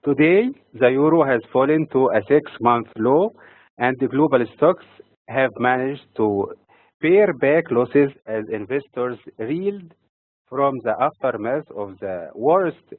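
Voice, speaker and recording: A man from Egypt delivering a scripted economic and financial markets commentary in a measured, read-from-notes manner. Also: medium pitch, no room sound. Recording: dry, tinny phone-like audio.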